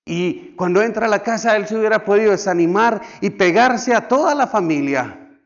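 High-voiced preacher with dramatic swings. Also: male voice, expressive, moderate pace, dull audio. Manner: dramatic, swings from loud to hushed, acts out quoted voices. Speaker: pastor. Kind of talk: sermon.

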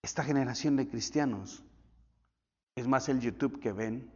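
A male pastor telling stories in a sermon, swinging from loud, high bursts to hushed, near-whispered lines. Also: unhurried. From Colombia. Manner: animated storytelling with sudden drops to near whisper. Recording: dull echoey church hall.

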